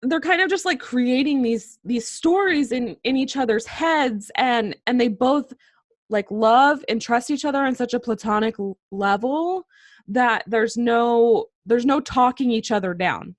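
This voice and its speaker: Slow, hesitant young woman storyteller. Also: a little high, no room sound. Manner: hesitant, many ums and restarts. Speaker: podcast co-host. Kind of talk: casual podcast chat, storytelling.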